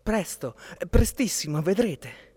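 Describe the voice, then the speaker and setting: A man's voice: high voice, animated, slow, warm tone, husky, no echo, pitched above the performer's own voice, full character voice. A man voicing a timid, grumbling, feather-covered male bird-catcher in a storybook tale. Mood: eager. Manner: grumbling, fussy.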